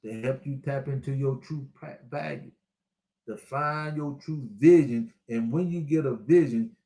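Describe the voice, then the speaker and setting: A man's voice: mid-range voice, measured pace, dark tone, reverberant. Sixty-year-old man preaching to viewers. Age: 60s. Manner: preachy, repetitive, direct address to viewers. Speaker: spiritual life coach. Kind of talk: motivational livestream talk.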